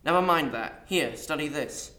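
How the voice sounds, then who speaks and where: A man voicing a sharp, evasive young woman who talks down to her captive. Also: on the high side, normal speed, roomy sound. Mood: curt. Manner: curt and condescending.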